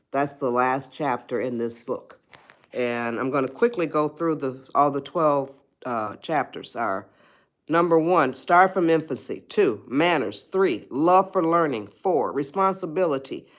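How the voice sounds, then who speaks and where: A woman's voice: deep voice, fairly bright tone. A woman author giving a live-stream talk on parenting, emphatic and repetitive and often checking in with her viewers. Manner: speaks directly to viewers as a group.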